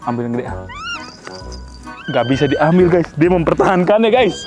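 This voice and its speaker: A man chatting excitably to viewers while handling and feeding a pet, talking outdoors. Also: a little high, normal speed, music in the background. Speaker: animal vlogger. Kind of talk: casual vlog chatter.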